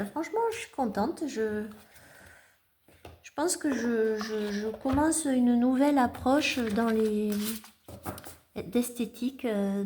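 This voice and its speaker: Slow, mellow-voiced woman vlogging. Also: a little high, a little hiss or hum. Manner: hesitant, many fillers and restarts. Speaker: tarot collector vlogger. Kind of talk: casual show-and-tell vlog. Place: at home.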